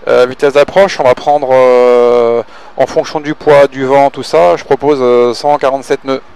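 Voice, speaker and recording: A man's voice: medium pitch, steady tone, moderate pace, gravelly, a little mellow, clean tone. A man working as a pilot, calling out checklists and casually coaching, often thinking aloud between clipped callouts. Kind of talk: cockpit callouts and casual instruction.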